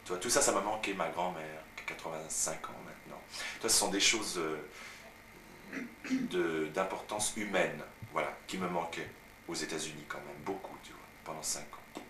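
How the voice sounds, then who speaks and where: Man, from paris, parisian accent, chatty storyteller, very low voice, far from the mic. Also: fairly even intonation, normal speed, pushed and bright. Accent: Parisian French. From France. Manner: chatty storytelling, frequent "tu vois". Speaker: actor. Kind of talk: casual interview at home. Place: home. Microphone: far camera mic. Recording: roomy, distant, noisy home video.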